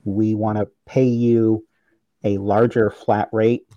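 Remote panelist, male, low and mellow, call audio dropping out on a shaky satellite link, dry sound. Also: level tone, slow, dry recording, muffled recording. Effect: call audio dropping out over a shaky satellite link. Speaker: panelist on an internet industry video panel. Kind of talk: conversational panel discussion. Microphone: remote video call.

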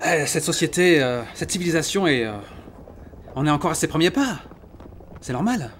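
A man voicing a smooth-talking gentleman with a suave, flowery way of speaking. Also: a little high, expressive, moderate pace, slight background noise, close to an everyday voice. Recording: faint music behind.

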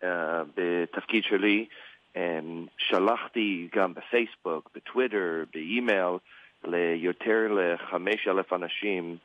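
A man with an American English accent in Hebrew, a native English speaker, answers a radio interview as a rabbi, haltingly searching for words. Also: low-pitched, no echo, narrow, tinny audio.

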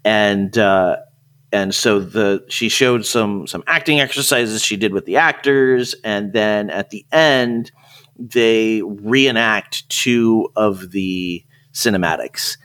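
This podcast speaker, who comes from theater, talks in a casual, enthusiastic way. His pitch is fairly low and his delivery slow, with a smooth, slightly bright tone.

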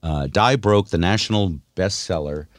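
This is casual radio talk and storytelling from an older male host, whose manner is chatty and dryly humorous. He speaks in a low register at an ordinary pace, and there's no room sound.

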